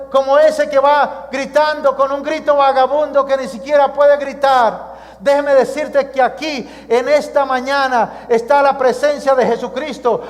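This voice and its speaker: A Colombian male pastor delivers a sermon with a very high-pitched voice, putting rhetorical questions to the congregation. His voice rings out with a long reverb tail from a church sanctuary. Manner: preaching with rhetorical questions, addressing "mis amados".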